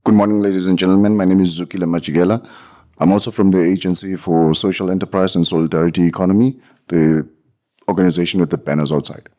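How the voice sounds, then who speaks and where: A man from a social enterprise agency, introducing himself quickly and matter-of-factly at a conference. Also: sits low, steady tone, warm tone.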